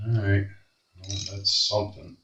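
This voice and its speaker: A man's voice: on the low side, fairly even intonation, a little slow, a bit bright, distant mic, muffled recording. A man repairing a guitar at his workbench, muttering to himself and grumbling as he works. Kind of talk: workbench commentary. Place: workshop bench. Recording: echoey room, voice off-mic.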